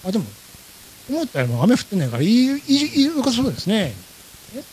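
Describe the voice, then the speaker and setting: Lively Kansai-accented man telling stories. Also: extremely high pitch, quick pace, breathy edge. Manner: animated, acts out his own and others' lines. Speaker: podcast host. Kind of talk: casual storytelling chat.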